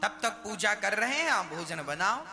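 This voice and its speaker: A man voicing a wandering holy man who speaks in a low, calm way. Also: normal speed, creaky, heavily acted. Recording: reverberant hall with music.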